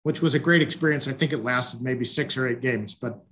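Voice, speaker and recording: A friendly, hesitant coach from Chicago's northwest suburbs talks in a casual video-call interview at home, frequently restarting his sentences. His voice is medium in pitch, fairly bright, and a little fast.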